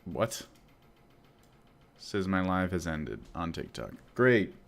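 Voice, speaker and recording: During a live trading stream, a male day trader grumbles and mutters under his breath, throwing in sarcastic remarks. His voice is low, slow and sing-song, with vocal fry.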